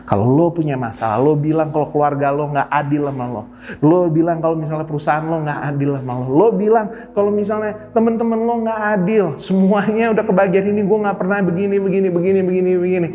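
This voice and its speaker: A man's voice: on the high side, fairly quick, mellow. A male pastor giving a casual online sermon, slangy and playful, dropping in English phrases. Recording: long reverb with faint music.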